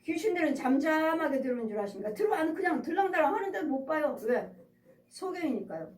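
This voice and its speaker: A woman's voice: sits high, expressive, quick pace, darkish tone. A middle-aged woman pastor preaching a sermon, repeating exhortations and asking the congregation rhetorical questions. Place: church sanctuary. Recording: echoey room, voice from a distance.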